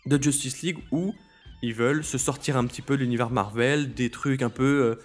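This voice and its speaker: A man's voice: mid-range voice, steady tone, a little fast, soft background music. A man hosting a podcast in casual solo talk, hesitant, with many fillers and restarts. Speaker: podcast host.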